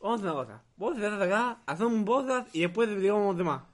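A young man with an Argentine accent hosting a comedy podcast sketch, excitable and full of slang. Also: sits high, racing. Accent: Argentine Spanish. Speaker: podcast host.

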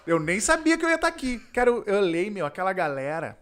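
High-voiced Gaúcho man telling a story. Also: fast, smooth. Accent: Gaúcho Brazilian Portuguese. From Rio Grande do Sul, Brazil. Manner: animated, acts out quoted voices, slangy. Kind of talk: casual storytelling chat.

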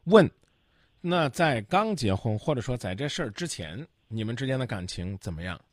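A man's voice: mid-range voice, sing-song, moderate pace, no echo, clean studio sound. A man hosting a radio call-in show, asking direct questions and steering the caller. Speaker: radio advice host.

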